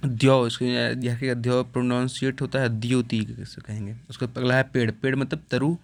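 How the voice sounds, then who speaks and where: A man with a mid-range, gravelly voice and no echo reads out a word list during a lesson. He lists steadily, pausing after each word.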